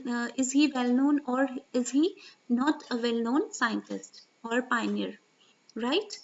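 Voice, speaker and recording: A woman with a high voice walks learners through an exam reading strategy, step by step. She keeps checking in with a questioning "right?" as she goes. The recording sounds a little dull and lo-fi. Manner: steady teacherly explaining, frequent "right?" check-ins. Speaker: IELTS tutor.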